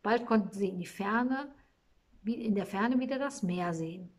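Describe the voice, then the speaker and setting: A woman's voice: mid-range voice, normal speed. Woman reading a storybook aloud.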